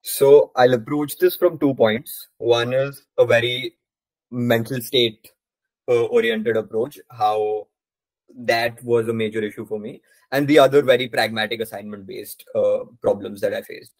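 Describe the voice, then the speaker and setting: A man's voice: medium pitch, fairly even intonation, a little slow, darkish tone, low-quality recording. A young man from India with an educated Indian accent, giving articulate, explanatory answers as a podcast guest in a polished, conversational way. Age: young adult.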